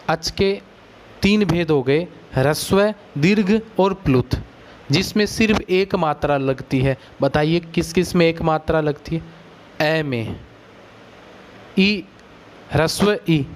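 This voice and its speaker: A man teaching a Sanskrit grammar lesson, explaining patiently and stretching out vowel sounds to demonstrate them. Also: sits high. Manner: patient, drawn-out, demonstrates vowel lengths aloud.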